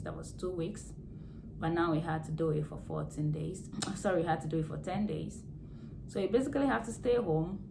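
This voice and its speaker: A nurse who vlogs, with a hoarse, low voice, walks viewers through home care in a casual health advice video. She speaks to camera with a steady hiss in the background, explaining things plainly and repeating key words to go back over the important points.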